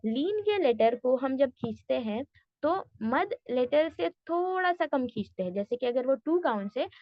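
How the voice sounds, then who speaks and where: A woman teaching a tajweed class online, patiently explaining step by step and slowly modelling sounds. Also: sits high, expressive, dry recording, dull audio.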